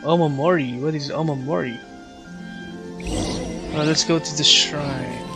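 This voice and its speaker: With game music in the background, a Tagalog-speaking game streamer with a Filipino accent chats casually, comments, and reads game dialogue aloud while mixing two languages. His voice sits on the high side and moves a little slowly.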